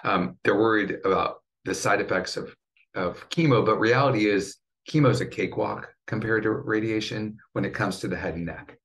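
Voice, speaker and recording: Casting note: middle-aged male survivor, very low voice, earnest and emotional, driven tone. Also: moderate pace, fairly bright tone. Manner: earnest, choked up at times. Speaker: cancer survivor and patient advocate. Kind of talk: emotional podcast interview.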